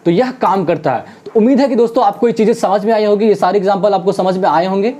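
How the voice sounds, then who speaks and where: Lesson teacher, mellow dark voice, mid pitch; friendly address to viewers, self-answered questions, slow word-by-word example drills. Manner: repeats English example sentences slowly, word by word. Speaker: spoken English teacher. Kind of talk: online classroom lesson.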